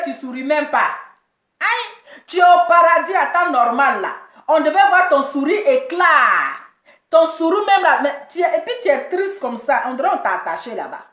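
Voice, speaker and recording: High-voiced woman in a teasing gossip rant. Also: a bit bright, roomy sound. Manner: teasing, laughing, repeats her jabs. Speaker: commentator reacting to celebrity gossip. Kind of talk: mocking gossip commentary.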